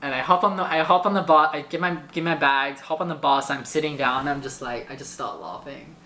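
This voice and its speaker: A man telling a travel story in casual chat, animated and full of filler words. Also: a little high, a little fast, echoey room. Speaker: guest storyteller.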